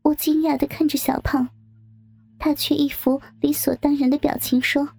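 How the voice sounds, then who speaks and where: A woman narrating a first-person adult story in a soft, breathy, near-whispered delivery. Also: high voice, flat delivery, moderate pace.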